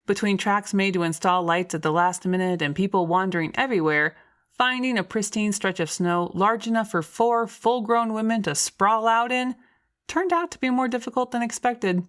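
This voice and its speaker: A woman's voice: medium pitch, moderate pace. A woman reading scripted first-person story narration as an audiobook narrator.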